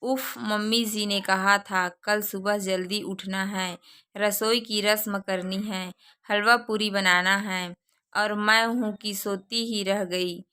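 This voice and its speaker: A woman's voice: mid-range voice, fairly even intonation, takes it slowly, sharp tone, clear, resonant tone. A woman voicing an anxious young newlywed bride in a storybook reading. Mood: worried. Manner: fretful, worried.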